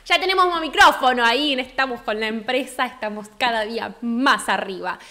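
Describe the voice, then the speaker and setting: A woman's voice: a little high, a little fast, pushed and bright. A young woman with an Argentine Rioplatense accent, chatting frankly with viewers on a live stream and greeting them by name. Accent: Argentine Rioplatense Spanish. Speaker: livestream host. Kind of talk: casual live-stream chat.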